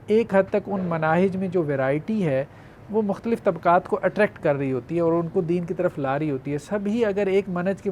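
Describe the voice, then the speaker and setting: A man speaking as a religious scholar on a studio panel, reasoning in a measured, conversational way. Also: high-pitched, a little mellow, a little hiss or hum.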